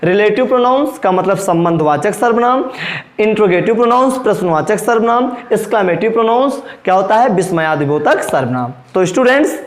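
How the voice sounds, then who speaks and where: A man's voice: high-pitched, animated, brisk. A male English grammar teacher with a Hindi accent lecturing a class, asking questions and answering them himself. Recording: echoey room.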